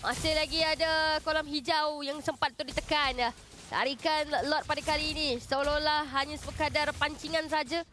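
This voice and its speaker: A woman with a Malaysian accent calling a game live as an esports shoutcaster, excited and urgent like a fighting game announcer. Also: high voice, moderate pace, a little hiss or hum.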